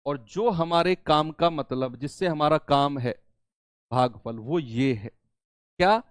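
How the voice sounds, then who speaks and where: A man's voice: a little high, slow, no echo, clean studio sound. A man teaching a maths lesson to students, asking questions and answering them himself, repeating each key term twice. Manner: repeats key terms in two languages, asks and answers his own questions. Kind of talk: classroom-style maths lesson.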